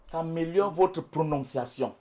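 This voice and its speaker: A man's voice: on the high side, moderate pace, a little mellow. A man hosting a radio talk show, speaking directly to listeners in an instructive way.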